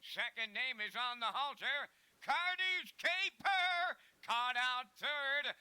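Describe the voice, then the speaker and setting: A man's voice: very high voice, animated, slow pace, sharp tone, clean tone, no echo. A man giving emphatic race caller commentary on a harness race.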